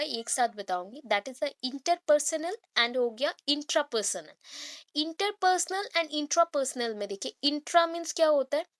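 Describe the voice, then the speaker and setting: A woman teacher giving an exam-prep lecture, explaining patiently with everyday examples and frequent check-ins with her students. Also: high-pitched. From India. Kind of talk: exam-prep lecture mixing Hindi and English.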